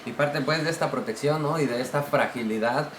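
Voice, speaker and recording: A man with a Mexican Spanish accent speaking calmly and measuredly in a church discussion. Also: medium pitch, brisk. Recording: echoey room with clear noise.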